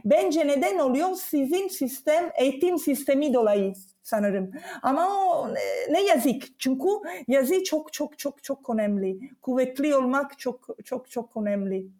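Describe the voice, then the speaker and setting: High-pitched foreign woman, halting broken Turkish. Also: animated, mellow. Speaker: interview guest. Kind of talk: casual conversational interview.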